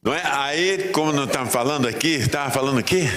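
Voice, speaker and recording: A man's voice: medium pitch, quick pace, very noisy. A man with a Rio de Janeiro accent, a pastor preaching a sermon and telling funny stories. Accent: Rio de Janeiro Portuguese. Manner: humorous storytelling, animated. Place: church hall. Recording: echoey church hall. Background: music.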